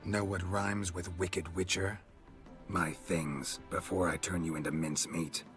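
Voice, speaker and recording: An actor voicing a gruff, dry-witted male monster hunter in a video game, terse and deadpan. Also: low voice, measured pace, faint music behind. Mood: threatening.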